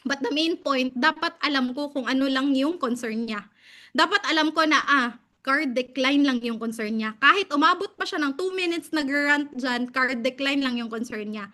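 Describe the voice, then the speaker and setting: A young Filipino woman with a Filipino accent telling a story in a casual talk, animated and often laughing as she switches between Tagalog and English. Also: high-pitched, moderate pace. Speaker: guest speaker.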